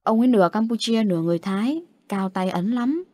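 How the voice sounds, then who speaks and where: A woman voicing an elderly grandmother who heads the family in an audio story, speaking gravely and scolding. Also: fairly high pitch, expressive, fast talker, darkish tone, dry recording.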